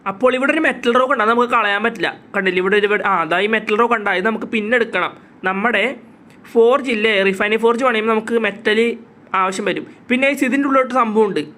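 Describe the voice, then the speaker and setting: Fast and sharp-toned, this high-voiced channel host keeps up loose, chatty commentary on his gameplay, addressing everyone as "guys," with slight hoarseness left by a cough.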